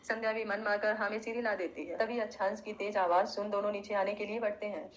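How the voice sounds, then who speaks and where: A woman narrating an audio love story in a smooth, expressive reading. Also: medium pitch, quick pace, a little hiss or hum, poor audio.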